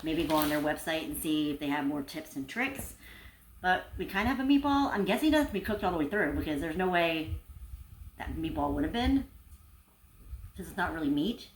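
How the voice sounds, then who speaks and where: Low-pitched woman in casual cooking vlog. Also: expressive, brisk, poor audio. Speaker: food review vlogger. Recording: faint kitchen noise, frying sizzle.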